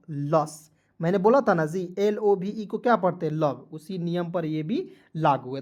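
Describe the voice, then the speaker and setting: A man's voice: high voice, darkish tone. Man teaching spelling, quizzing viewers. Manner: repetitive, addresses viewers as friends. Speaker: online English teacher. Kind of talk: Hindi-language video lesson.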